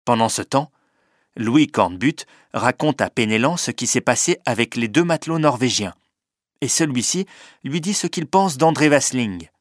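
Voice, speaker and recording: A man reading a story aloud in measured scripted narration, with clear, lifted emphasis at exciting moments. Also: mid-range voice, no room sound, studio quality. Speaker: audiobook narrator.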